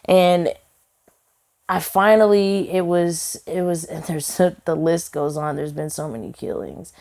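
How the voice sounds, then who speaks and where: Low, gravelly-voiced woman, earnest interviewee. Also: a little slow, darkish tone. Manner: earnest, heartfelt, full of "you know" fillers and restarts. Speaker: singer and songwriter guest. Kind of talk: casual podcast interview.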